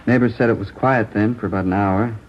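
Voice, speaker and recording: This fairly low, slightly fast male voice belongs to an actor, lightly acted, voicing a lieutenant on a 1950s crime radio show. With a little background noise on a dull vintage broadcast, he reports the neighbors' accounts of the murder night in a measured, step-by-step way.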